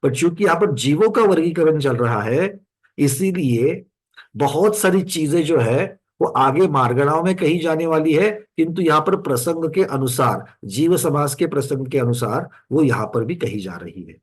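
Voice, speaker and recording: A man teaching a scripture lesson to an online class, reciting verses slowly and drawn out, then explaining them with questions to his students. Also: on the high side, lively intonation, husky. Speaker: religious teacher. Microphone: screen-sharing online class.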